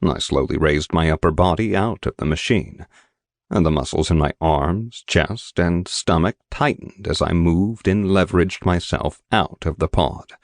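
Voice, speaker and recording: The reader is a man whose voice sits very low, telling an audiobook in the first person with slow, deliberate, even delivery. It's recorded close in a dead, dry studio, with no echo and no audible room.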